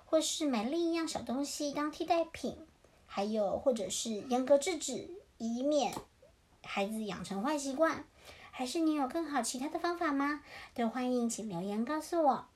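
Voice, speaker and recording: A woman gently reading a bedtime storybook to children in a singsong way. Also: high-pitched, expressive, moderate pace. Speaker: parent storyteller.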